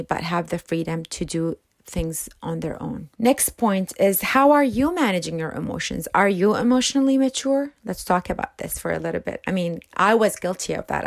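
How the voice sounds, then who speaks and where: A woman's voice: lowish voice, dry recording. A middle-aged woman counselor who moved to a Western country, giving earnest, direct parenting advice to camera. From immigrant to a Western country.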